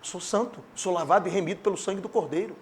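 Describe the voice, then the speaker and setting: High-voiced preaching man, animated. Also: fast talker, a little hiss or hum. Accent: Brazilian Portuguese. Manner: animated preaching, swinging from loud declarations to hushed asides. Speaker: pastor. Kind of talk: sermon. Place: church.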